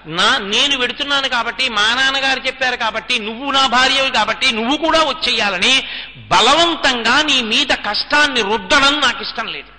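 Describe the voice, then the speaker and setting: Guy voicing a gentle young prince pleading with his wife, bright tone, long reverb. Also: very high voice, brisk, exaggerated voice. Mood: tender. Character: devoted young prince husband, tender and earnest.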